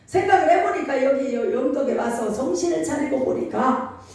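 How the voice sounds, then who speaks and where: A middle-aged woman pastor with a Chungcheong Korean accent, preaching a lively, emphatic sermon and drawing answers from the congregation. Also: high-pitched, normal speed. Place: church sanctuary. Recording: echoey church hall from far off.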